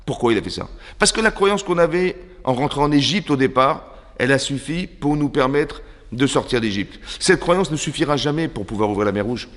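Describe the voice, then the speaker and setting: Animated rabbi teaching in a reverberant hall. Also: male voice, mid-range voice, brisk. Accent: French. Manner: animated, asks the class rhetorical questions. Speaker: rabbi teaching a women's class. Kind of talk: religious lesson. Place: seminary classroom.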